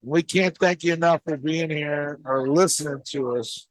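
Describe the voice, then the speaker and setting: A man's voice: fairly high pitch, normal speed, low-quality recording. A man with a St. hosting a casual promotional chat from his bar, enthusiastic and fired up. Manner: enthusiastic, hyped-up booster. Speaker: bar owner and podcast host. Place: indoors at a bar.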